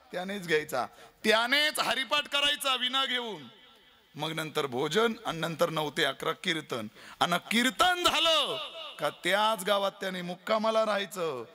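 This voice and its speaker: A young man giving a devotional sermon, telling a story with animated repetition. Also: high-pitched. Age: young adult. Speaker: kirtan preacher.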